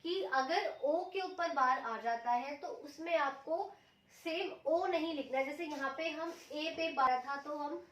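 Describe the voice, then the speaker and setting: High-voiced woman teaching patiently. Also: fairly bright tone. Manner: patient, repeats each example slowly. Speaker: Japanese language teacher. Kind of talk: explaining a lesson step by step. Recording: echoey room, mic at a distance.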